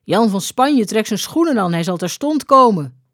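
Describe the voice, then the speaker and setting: A woman voicing rowdy male workmen who call out in loud, mocking voices. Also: medium pitch, expressive, moderate pace, no echo, clean studio sound, voice pushed up, close to an everyday voice.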